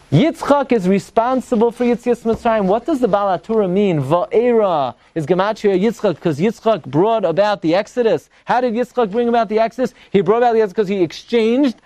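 A man with giving an animated religious class as a rabbi, emphatically posing questions and answering them. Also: high voice, no room sound. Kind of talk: animated Torah lecture.

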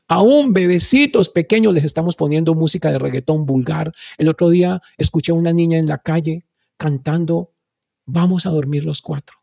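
Male radio preacher, gravelly, husky, dark voice, dry sound, earnest, middle-aged. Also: fairly high pitch, no echo. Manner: earnest, addresses listeners as brothers. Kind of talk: preaching talk on radio and video.

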